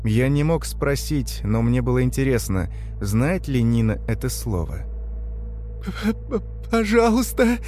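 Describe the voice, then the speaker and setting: A man narrating a dark first-person story in a measured, grave, tense manner. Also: medium pitch, slight background noise. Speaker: audiobook narrator.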